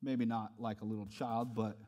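A man preaching a sermon in a lively, conversational way, swinging between hushed reflection and loud emphasis. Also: fairly low pitch, moderate pace. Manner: animated, acts out quotes in character voices. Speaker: pastor.

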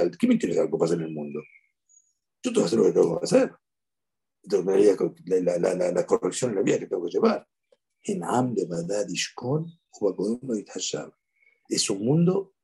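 A man's voice: on the low side, creaky, dark tone, slightly rough. A middle-aged man with a Rioplatense Spanish accent, a rabbi giving an emphatic, preachy talk on the weekly Torah portion and repeating his points for weight. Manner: emphatic, preachy, with repetitions and Hebrew phrases. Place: outdoors at sunrise.

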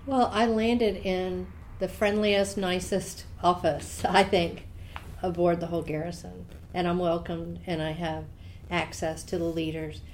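A woman's voice: fairly low pitch, little pitch movement, measured pace, darkish tone, slight background noise. An American woman co-hosting a podcast for a public affairs office, speaking in a cheerful, friendly way. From United States. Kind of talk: podcast interview.

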